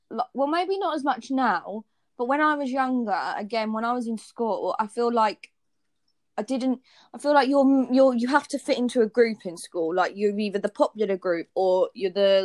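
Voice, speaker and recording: A woman's voice: fairly high pitch, normal speed, no room sound, clean studio sound. A young woman, co-hosting a podcast in casual, candid chat full of "like". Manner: chatty, fillers like "like", candid. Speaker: podcast co-host.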